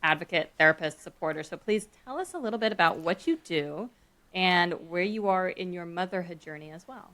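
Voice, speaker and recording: A woman's voice: on the low side, animated, brisk, sharp tone. A woman from the United States, hosting a podcast interview in an upbeat, enthusiastic way. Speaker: podcast host, maternity leave coach.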